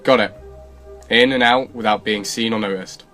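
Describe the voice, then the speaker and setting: A loyal male secret agent acted by a man speaks in a low, bright voice. He is terse and businesslike, with music underneath, as in a spy film. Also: steady tone, normal speed. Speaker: field agent. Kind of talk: scripted dramatic acting in a spy film.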